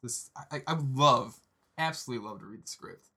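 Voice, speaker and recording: A man's voice: medium pitch, a little fast, pushed and bright, husky. A man co-hosting a podcast, chatting casually in a laid-back, rambling way with lots of fillers. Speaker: podcast co-host. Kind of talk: casual chat.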